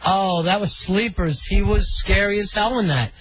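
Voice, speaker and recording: A man's voice: high-pitched, normal speed, a little hiss or hum. A man hosting a call-in radio show, chatty and opinionated, taking callers on the line. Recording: dull lo-fi radio broadcast.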